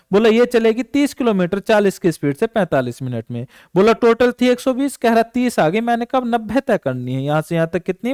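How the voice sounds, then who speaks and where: A man's voice: high voice, a little mellow, smooth, no room sound, studio quality. A man teaching a train math problem for an exam course, asking questions and answering them himself while he repeats each step. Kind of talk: exam-prep math lesson.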